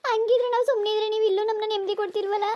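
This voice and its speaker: Cartoon village mother, a woman voicing her, pleading, reproachful, tearful, very high voice. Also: fairly even intonation, very fast, darkish tone. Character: poor, weary village mother of four.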